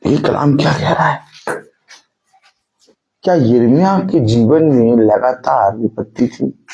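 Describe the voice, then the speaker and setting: A man's voice: mid-range voice, takes it slowly, vocal fry, dark tone, highs cut off. A male preacher delivering a sermon, repeatedly putting rhetorical questions to his congregation and drawing call-and-response answers.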